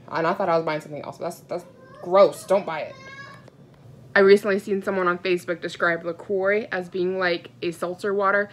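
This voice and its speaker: An American woman with a low-pitched voice vlogs from her home kitchen, chatting casually as she shows groceries to the camera. Her talk is rambling, conversational and candid. Recorded on a handheld phone at arm's length, the audio is clearly noisy, with crinkling packaging throughout.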